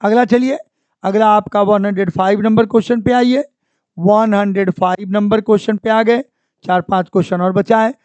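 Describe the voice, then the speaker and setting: A Hindi grammar teacher runs an exam-prep class, repeating every word and continually asking students for answers. His voice sits high, with a steady, slightly mellow tone at normal speed, and the dry recording has a dull lo-fi quality with no room sound.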